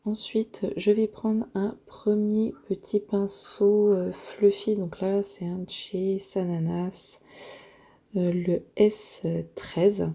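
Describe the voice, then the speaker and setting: Soft, husky, slow-talking woman. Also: medium pitch, little pitch movement. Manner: hesitant, with frequent filler pauses. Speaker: beauty vlogger. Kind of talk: makeup tutorial narration.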